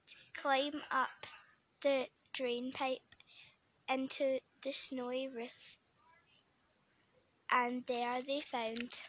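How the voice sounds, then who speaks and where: Slow, high-voiced woman reading a storybook. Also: no echo. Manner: gentle, unhurried storybook reading with small slips. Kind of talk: reading a children's story aloud.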